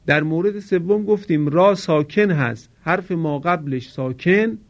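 In a formal broadcast lesson on Quran recitation, a man with a slightly high voice explains each rule slowly, carefully and politely, then repeats it. The high frequencies in the recording are cut off.

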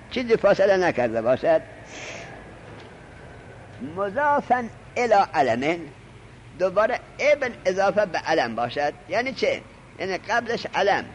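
A man lecturing a grammar class in a lively, swooping voice that sits a bit high for a man. He stresses points hard and stops to dictate notes to his students. Faint noise hangs under the recording. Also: poor audio. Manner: animated, emphatic teaching with dictation to students. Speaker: Arabic grammar teacher.

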